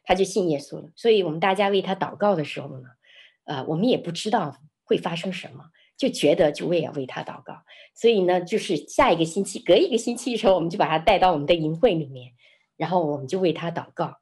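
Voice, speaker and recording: A middle-aged woman guest in an interview, sharing a personal testimony as an expressive, animated storyteller. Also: lowish voice, quick pace, breathy edge. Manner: expressive, lively storyteller who laughs often.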